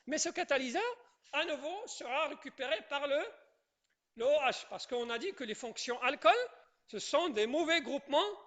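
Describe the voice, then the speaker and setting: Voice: sits high, expressive, moderate pace, fairly bright tone. A chemistry teacher giving a classroom lecture at the board. The teacher often repeats points, checks in with the class, and quizzes students and praises their answers. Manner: repetitive, checks in with "d'accord?" and "je répète".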